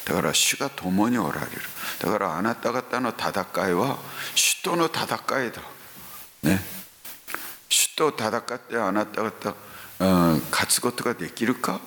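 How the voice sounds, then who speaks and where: A man preaching a sermon, talking slowly with frequent hums and sudden rising exclamations. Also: lowish voice, animated, bright, forceful tone. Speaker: pastor. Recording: echoey hall with faint hiss.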